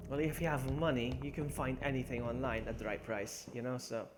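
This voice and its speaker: A young man live-streams a video game, chatting casually with viewers, reading and answering chat, laughing often, and muttering to himself as he plays. His mid-range voice is brisk with little pitch movement, and game music and background noise can be heard.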